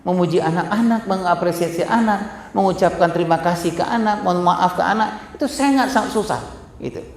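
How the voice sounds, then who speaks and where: A man's voice: high voice, brisk, creaky. A middle-aged man gives a parenting seminar talk, speaking straight to the audience and often poking fun at himself. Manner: addresses audience directly, frequent self-deprecating humor. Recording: echoey hall.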